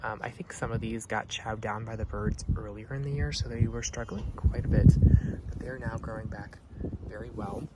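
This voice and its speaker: A man with a lowish voice talks at normal speed in a steady tone, giving a casual walkthrough vlog of a client's garden. He gushes enthusiastically over the plants with plenty of ums, while loud wind and traffic noise fill the outdoor recording.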